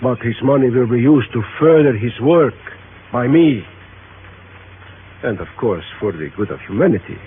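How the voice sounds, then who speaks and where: An actor playing a self-important, evasive scientist with formal, grandiose phrasing in a 1950s radio drama. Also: male voice, medium pitch, lively intonation, normal speed, long pauses, close to an everyday voice. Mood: guarded, smug. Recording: muffled, noisy 1950s radio recording.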